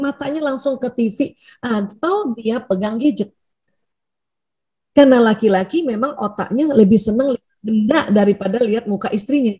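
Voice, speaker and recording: High, mellow-voiced woman giving a lively talk. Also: slightly rough. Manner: animated, anecdotal, acts out quoted dialogue. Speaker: doctor giving a family talk. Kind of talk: lively seminar talk to an audience.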